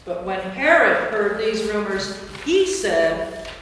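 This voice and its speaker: This woman's voice sits in the middle range, with a sing-song lilt, a slow pace and a slightly bright quality, plus a faint hiss or hum. She performs scripted scripture narration as narrator and priest in a staged reading, captured from afar in an echoing large church.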